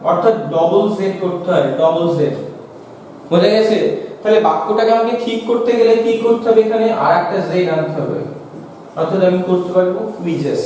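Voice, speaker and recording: High-voiced teacher, echoey and distant. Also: male voice, brisk, dark tone, slight background noise. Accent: Bengali. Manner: questions the students and answers himself. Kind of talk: classroom grammar lesson. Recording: echoey room from far off.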